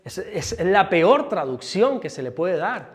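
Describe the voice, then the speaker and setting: A man preaching a sermon as pastor, teaching with lively emphasis and stopping for quick asides to the people around him. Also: high-pitched, long reverb tail. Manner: animated, with asides to helpers about the screen. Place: church hall.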